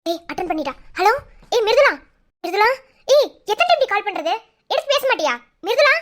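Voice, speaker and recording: A performer voicing a caring young village woman in a cartoon, who soothes her upset friend quickly. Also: extremely high pitch, sing-song, fairly bright tone, exaggerated voice. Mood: teasing.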